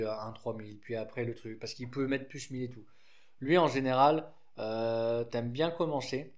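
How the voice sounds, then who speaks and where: Guy with a lisp going over his card deck, chatty and rambly, mid-pitched voice. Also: darkish tone. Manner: rambling, frequent restarts and fillers, informal. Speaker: card game deck presenter. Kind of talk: casual deck explanation.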